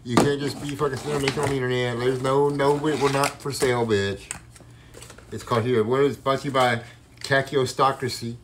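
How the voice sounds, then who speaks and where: A man's voice: medium pitch, fairly even intonation, fairly quick, background noise. Rambling, foul-mouthed freestyle ranter man. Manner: rambling, heavily profane, combative. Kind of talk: freestyle rapping and ranting.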